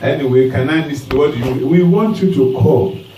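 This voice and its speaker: A man voicing humble village elders who beg for help in a low, hushed, grovelling tone. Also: normal speed, slight background noise, lightly acted. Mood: pleading. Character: humble pleading old male elders. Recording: roomy hall, mic at a distance.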